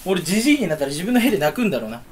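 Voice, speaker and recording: Young man, solo home vlog, goofy and self-mocking, lively pitch. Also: racing. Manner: goofy, rambling, teases himself. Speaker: YouTuber. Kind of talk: solo casual chat to camera. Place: room at home, standing.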